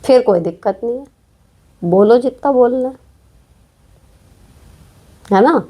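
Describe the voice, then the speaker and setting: A woman's voice: fairly high pitch, expressive, slow pace, mellow, slightly rough. A woman hosting an advice show, answering viewer questions in casual, frank talk with many tag questions. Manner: direct, frank, chatty, with frequent tag questions.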